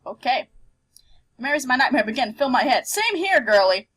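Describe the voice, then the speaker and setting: A playful, expressive woman hosting a let's play, switching between reading game text aloud and casual commentary. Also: sits high, fast talker, soft background music.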